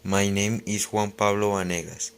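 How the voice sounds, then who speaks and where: A man's voice: fairly low pitch, fairly even intonation, moderate pace, vocal fry, clean tone. A twenty-two-year-old man reads a prepared self-introduction aloud in English, carefully, in short phrases.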